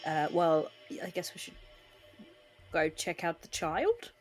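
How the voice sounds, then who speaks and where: A woman playing a tabletop game, speaking softly and tentatively. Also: lowish voice, big pitch swings, takes it slowly, faint music behind. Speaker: player.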